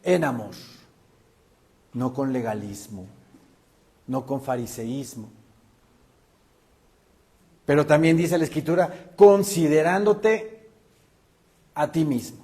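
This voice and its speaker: A male pastor preaching a sermon, animated and acting out the voices he quotes. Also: mid-range voice, takes it slowly, long pauses.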